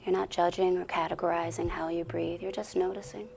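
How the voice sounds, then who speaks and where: This woman's fairly low, gravelly voice keeps a level tone as she talks listeners through a meditation, softly and deliberately, with long silences between phrases. Music plays underneath, and she often slips close to a whisper.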